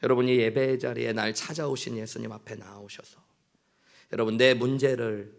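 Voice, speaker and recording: A male pastor preaches a sermon in a church, speaking earnestly. His voice sits in an ordinary middle pitch. He acts out prayers and short exchanges as he goes. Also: fairly even intonation, moderate pace, creaky. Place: church sanctuary.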